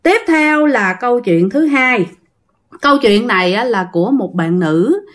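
A woman hosts her channel and tells listener ghost stories in a loose, chatty flow. She speaks to her audience directly in a somewhat high voice. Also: expressive, measured pace. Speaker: storyteller and channel host. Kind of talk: casual ghost-story narration.

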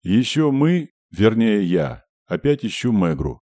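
A man reading this A matter-of-fact woman companion in an audiobook, calm and plain-spoken. Her low, dark voice stays steady and close. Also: takes it slowly, no echo, heavily acted. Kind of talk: audiobook character voice.

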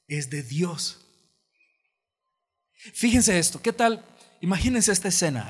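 A man's voice: sits high, bright, forceful tone. A man preaching a sermon as pastor in a church auditorium, telling stories in a conversational way and acting out the voices he quotes. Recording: long hall reverb from church auditorium.

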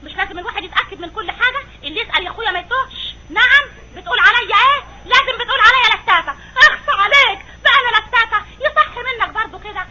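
A woman playing a chatty nagging wife in a vintage radio comedy, talking nonstop and shrill, on a dull old recording with hiss. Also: racing, hardly any pauses. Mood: scolding. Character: chatty nagging wife, middle-aged, scolding. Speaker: actress in comedy sketch.

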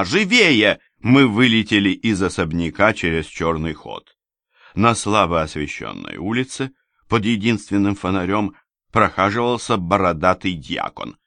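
A man reading a first-person novel aloud as an audiobook narrator, measured and dramatic. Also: sits low, vocal fry, a bit bright, dry recording, studio quality.

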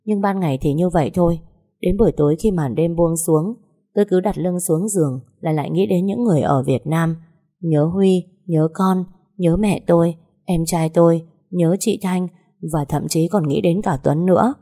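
A woman reads a first-person story aloud in a measured, sorrowful tone. Her voice sits on the low side and has a dark, mellow color. The telling is steady and unhurried. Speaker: audiobook narrator.

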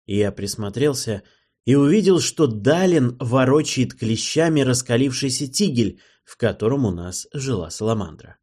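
Husky guy reading a fantasy audiobook, voice moves around a lot. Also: medium pitch, lively intonation, normal speed, darkish tone. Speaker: audiobook narrator. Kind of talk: audiobook narration, first person.

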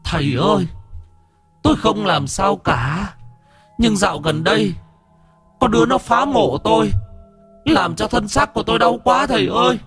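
A wailing old ghost, high and pained. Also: male voice, normal speed, pauses often, a bit bright, husky, faint music behind, exaggerated voice. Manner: moaning, pleading.

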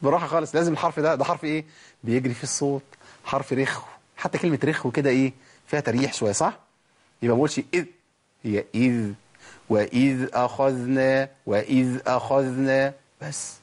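An Egyptian-accented Quran recitation teacher gives a tajweed lesson, posing questions and answering them himself while stretching out letter sounds slowly to demonstrate. His voice is mid-range and husky.

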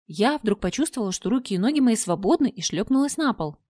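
A woman reading a first-person story aloud, with expressive storytelling. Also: fairly high pitch, fast talker, no room sound, clean studio sound. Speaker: narrator. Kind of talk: first-person audiobook narration.

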